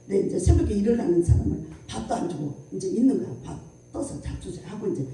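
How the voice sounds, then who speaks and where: A woman pastor giving a revival sermon with a personal testimony, telling it in an animated way, acting out voices and laughing often, recorded from far off in an echoey hall. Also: medium pitch, fast. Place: church prayer house at a revival meeting.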